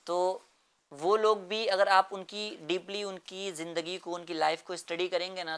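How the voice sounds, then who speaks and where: A man's voice: high-pitched, fairly bright tone, smooth. A man explaining a moral lesson to children in an earnest way, repeating phrases and often checking with "right?".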